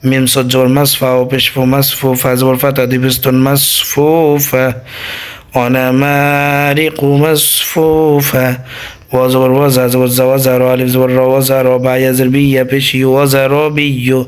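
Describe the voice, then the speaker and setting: A man's voice: mid-range voice, monotone, normal speed, smooth. A man teaching Quran reading who spells out the Arabic letters and vowel marks one syllable at a time, patiently repeating each sound.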